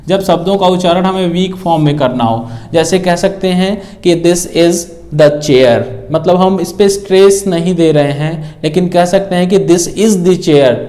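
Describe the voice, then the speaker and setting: A man with a high, slightly mellow voice teaches an English grammar lesson, explaining patiently and frequently checking in with the listener as he writes on a board. He mixes Hindi in with English phrases.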